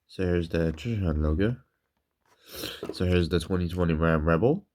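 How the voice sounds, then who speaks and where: A man casually narrating a toy car unboxing in slow, halting, simple phrases, talking with a sore throat and candy in his mouth. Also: low voice, darkish tone, a little hiss or hum.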